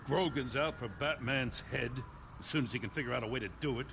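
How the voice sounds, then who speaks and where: A man's voice: medium pitch, fairly quick, vocal fry, noisy background, lightly acted. A man playing a weary, conscientious, frustrated police officer in a dramatic video game. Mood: troubled, frustrated.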